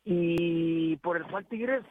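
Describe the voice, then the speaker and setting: A man's voice: fairly high pitch, very slow. A man calls a sports radio show over a phone line, earnestly giving his football opinion and repeating words as he searches for them. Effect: heard over a phone line. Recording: tinny phone line with faint hiss.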